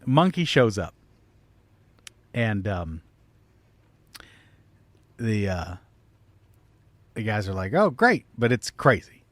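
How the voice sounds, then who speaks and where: A comedy podcast storyteller casually spins a long comic tale, swearing freely and acting out bits of quoted dialogue. His fairly low voice swings widely in pitch, and he talks slowly with frequent pauses, with no echo.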